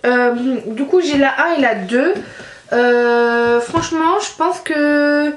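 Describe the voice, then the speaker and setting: A woman's voice: high-pitched, takes it slowly, reverberant. A woman casually reviewing a makeup palette, chatty and hesitant with frequent fillers. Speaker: beauty vlogger.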